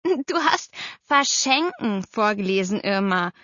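A woman voicing an eager young girl who talks high and pleading, in a storybook reading. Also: expressive, a little slow, sharp tone, no room sound, exaggerated voice. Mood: excited. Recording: slightly dull dry recording.

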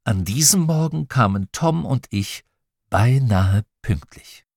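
A man narrating a children's audiobook, telling the story in a lively, expressive way into a close studio mic. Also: mid-range voice, slow, creaky, dry recording. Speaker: audiobook reader.

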